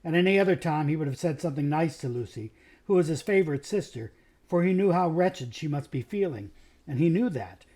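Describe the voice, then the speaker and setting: A pastor reading a children's novel aloud, expressive and doing voices for the characters. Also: male voice, fairly high pitch, fairly quick.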